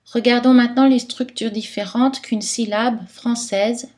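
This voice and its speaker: Woman, phonetics teacher, scripted lesson, slow and deliberate, carefully articulated. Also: a little high, fairly even intonation, darkish tone. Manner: careful, clearly articulated delivery.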